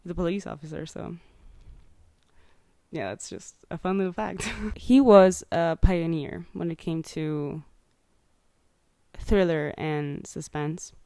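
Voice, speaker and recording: A woman's voice: lowish voice, dark tone, smooth, dry recording. A young woman hosting a podcast, chatting casually with lots of likes and ums. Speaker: podcast host. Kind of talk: casual chat.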